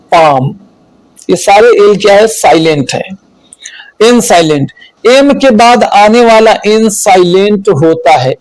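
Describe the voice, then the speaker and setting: A man teaching English spelling rules, slow and deliberate, repeating each rule and listing examples. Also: high voice, darkish tone, no room sound, rough recording. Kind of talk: spelling lesson explained in Hindi.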